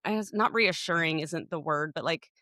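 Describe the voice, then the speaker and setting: Woman co-host, slightly low voice, dry close mic, loose rambling storyteller. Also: normal speed, sharp tone, no echo. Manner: rambling storyteller, many restarts and fillers. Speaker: podcast co-host. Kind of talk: casual podcast chat.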